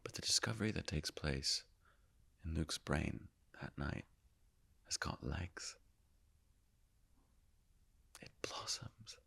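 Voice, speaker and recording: An actor playing the Higgs boson as a calm, all-knowing narrator, telling his story in a measured way and sinking often into hushed whispers. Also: a bass voice, gravelly, breathy edge, exaggerated voice. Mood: wry storytelling. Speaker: actor performing a stage monologue. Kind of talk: theatrical monologue.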